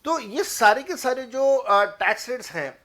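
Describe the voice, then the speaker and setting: Indian tax lecturer, Hindi-English mix. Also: male voice, very high-pitched, expressive, sharp tone. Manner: mixes Hindi and English, many filler pauses; reads legal text slowly, then explains quickly. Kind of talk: exam prep lecture.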